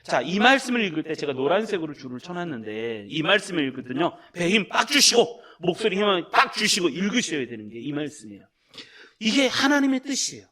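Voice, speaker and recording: A male pastor preaching a sermon in a church, moving between soft, hushed asides and loud, drawn-out reading of scripture as he leads the congregation. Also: high-pitched, big pitch swings. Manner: addresses the congregation directly, leads group reading. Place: church sanctuary.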